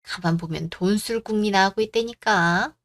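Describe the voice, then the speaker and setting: A woman's voice: mid-range voice, normal speed, no room sound, close to an everyday voice. A woman voicing a bossy older mother-in-law in a radio drama, scolding and giving orders. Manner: scolding, commanding.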